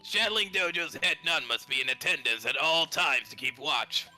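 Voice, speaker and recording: A man voicing a flirty, teasing head nun with slow, theatrical movie-villain menace in a playful game read-aloud. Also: on the high side, sharp tone, faint music behind. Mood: slow, ominous.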